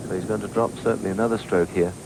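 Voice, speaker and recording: Low-voiced understated golf commentator, noisy broadcast. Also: male voice, steady tone, racing, darkish tone. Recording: noisy outdoor 1980s TV broadcast.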